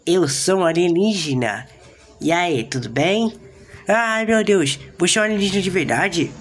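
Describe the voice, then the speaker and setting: A man voicing a friendly male alien who talks slowly in a low, calm, sly way. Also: soft background music.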